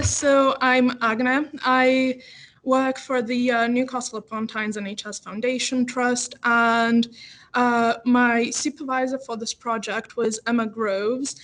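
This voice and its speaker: Young woman presenting over a group video call. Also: on the high side. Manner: hesitant, many fillers. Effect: heard over a group video call. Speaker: pre-registration pharmacist presenting a project. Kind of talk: project presentation in a webinar.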